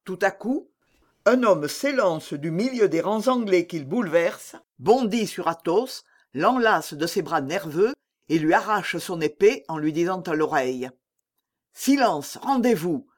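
A man narrating an audiobook in a steady, dramatic storytelling manner. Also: high voice, unhurried. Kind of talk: scripted narration.

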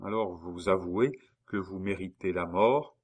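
A man's voice: low-pitched, unhurried. A man reading an audiobook and voicing a cold, mocking husband who taunts his wife with false politeness. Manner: sneering, mock-polite, taunting.

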